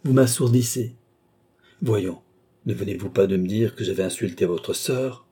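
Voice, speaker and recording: Man voicing a haughty count, calm, disdainful, impatient, husky. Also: lowish voice, moderate pace.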